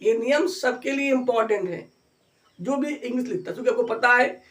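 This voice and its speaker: Teaching English grammar, this middle-aged man encourages his learners and stretches out sample phrases slowly. His voice is very high-pitched with a fairly bright tone.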